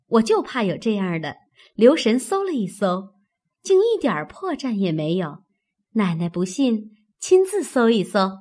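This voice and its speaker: A woman's voice: medium pitch, big pitch swings, a little slow, dark tone. A woman voicing a sly, playful young maidservant in an audiobook of a classic novel, with a teasing manner.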